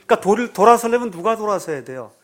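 A man's voice: sits high, quick pace. A male pastor preaching a sermon, acting out quoted speech in a raised voice. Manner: animated preaching, acts out quotes loudly.

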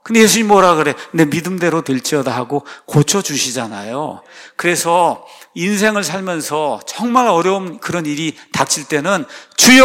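Male preacher, fifties, slightly high voice, insistent sermon delivery with repeated questions to the flock. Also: fairly bright tone. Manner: emphatic, repeats rhetorical questions to the congregation. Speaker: pastor.

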